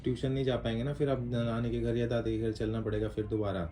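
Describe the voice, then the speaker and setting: Soft-spoken man comforting at home. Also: mid-range voice, flat delivery, quick pace, soft background music. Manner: soothing, pleading softly. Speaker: vlogger, father. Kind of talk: casual family vlog. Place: home, indoors.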